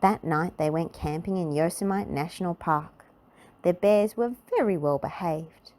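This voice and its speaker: A woman narrates a children's story in a slightly low voice with a darkish tone, delivering it expressively and at a measured pace.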